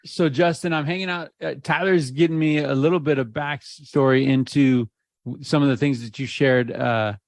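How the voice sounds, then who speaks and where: A man co-hosting a podcast, relaxed, slowly laying out context before a question. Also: fairly high pitch, no room sound, studio quality. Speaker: podcast co-host. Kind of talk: casual interview chat.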